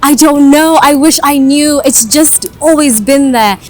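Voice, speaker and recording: Young kenyan woman vlogging outside up on a building, chatty and candid, slightly high voice. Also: unhurried, faint music behind. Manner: chatty, candid, laughs easily. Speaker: vlogger and radio host. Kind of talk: casual vlog chat. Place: outdoors on a high floor of a building.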